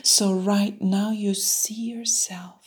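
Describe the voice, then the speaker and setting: A woman guiding a hypnosis meditation in a soft unvoiced whisper, repeating soothing suggestions. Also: mid-range voice, steady tone, takes it slowly, breathy edge. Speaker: meditation guide.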